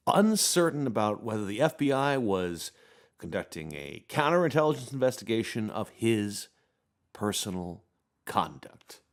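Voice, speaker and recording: A man gives a dramatic reading of a formal statement like a hammy stage actor, with theatrical emphasis that swells and then drops away. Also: medium pitch. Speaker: reader performing a prepared written statement.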